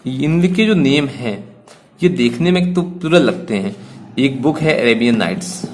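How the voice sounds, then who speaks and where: A man's voice: medium pitch, expressive, unhurried, darkish tone, a little hiss or hum. Hindi-speaking male teacher explaining grammar. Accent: Indian English words in Hindi speech. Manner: repetitive, asks and answers own questions.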